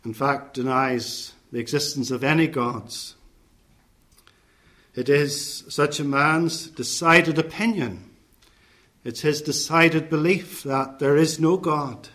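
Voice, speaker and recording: A man delivers a sermon at an unhurried, deliberate pace. His voice sits a little higher than most men's, and he lays out each point in measured, listed phrases. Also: a bit bright. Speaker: preacher.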